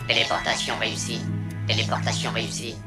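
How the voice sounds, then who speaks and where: A man voicing a teleporter's computer in a film dub, a half-robot monotone voice. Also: mid-range voice, fairly quick, loud music behind the voice. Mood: flat. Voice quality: monotone, mechanical. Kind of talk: dubbed film clip.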